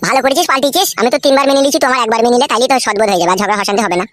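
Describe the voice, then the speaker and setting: A woman's voice: on the high side, expressive, rapid-fire, heavy background noise, close to an everyday voice. A woman doing a brash young village husband. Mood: bickering. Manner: boastful, rude bickering. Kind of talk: comedy cartoon dub.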